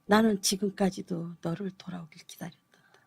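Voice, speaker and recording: Brief: God as a tender loving father, hushed and slow, low and whispery, put on by a woman preacher. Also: steady tone, creaky, slightly rough.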